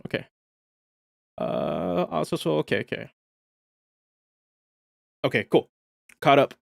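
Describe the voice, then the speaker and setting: A man hosts a livestream in a loose, excited way, reacting to new rules and catching up with chat. His voice sits at a middle pitch, and the sound is dry with no room echo. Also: slow, creaky. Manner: enthusiastic, casual slang, reads chat aloud. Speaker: livestream host. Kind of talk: casual livestream commentary.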